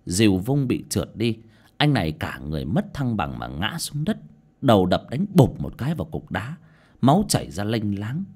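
A man narrating a ghost story as an audiobook storyteller, expressive and lively. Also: on the low side, slightly rough.

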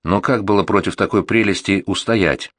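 A man reading a first-person story aloud in a measured, reflective storytelling manner. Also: deep voice, no room sound. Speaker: narrator. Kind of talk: first-person audiobook narration.

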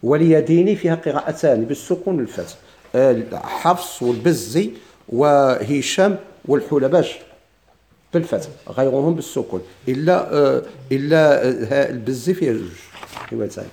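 A man with a Moroccan Arabic accent, teaching Quranic readings in a classroom lesson and chanting verses slowly. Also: medium pitch, lively intonation, mellow. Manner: explains in dialect, chants quoted verses slowly.

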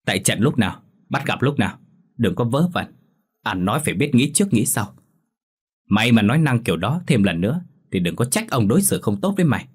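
A man voicing a greedy, hot-tempered village husband who speaks gruffly and threatens. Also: lowish voice, expressive, moderate pace. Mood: angry.

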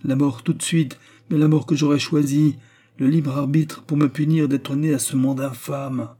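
A man's voice: mid-range voice, moderate pace, dark tone, husky, voice pushed up, natural voice. A man reading aloud as a proud scheming countess who speaks with vehemence and irony in a storybook reading. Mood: furious. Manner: vehement, ironic.

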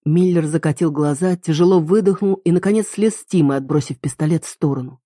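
A woman narrates a first-person story in a steady, expressive way. Her voice is low and mellow. The recording is dry and close. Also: brisk, no echo. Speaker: reader.

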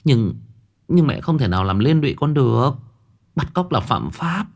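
A man's voice: medium pitch, very animated, normal speed, a little mellow, voice pushed up. A man voicing an anxious older mother who pleads with her daughter and stammers. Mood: pleading.

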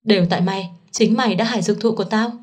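A woman voicing an angry, frantic mother who scolds in a shrill voice in a storybook reading. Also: fairly even intonation, fairly quick, a little mellow, lightly acted. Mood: furious.

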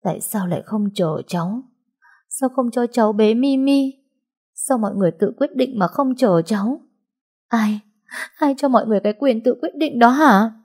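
A woman's voice: on the low side, normal speed, long pauses, mellow, breathy edge. A woman voicing a grief-stricken young mother in an audiobook, crying out and pleading. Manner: screaming, sobbing pleas. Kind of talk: audiobook dialogue.

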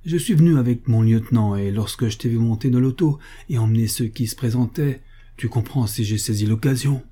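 Audiobook: man voicing an earnest young soldier, dark and husky. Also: mid-range voice, a little fast, natural voice.

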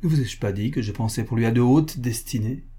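Brief: man playing a smitten, flustered prince, low, soft and mellow. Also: fairly quick, husky, natural voice. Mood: vexed. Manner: plaintive, flustered. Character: infatuated, vexed middle-aged prince. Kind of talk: audiobook character reading.

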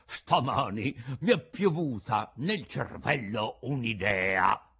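A man voicing an irritable old woodcarver in a storybook reading, gruff and loud and easily riled. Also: mid-range voice, expressive, takes it slowly, full character voice. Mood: earnest.

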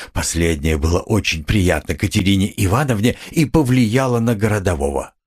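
A man narrating an audiobook in an expressive, dramatic way, recorded in a studio. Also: deep voice, husky. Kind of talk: scripted narration.

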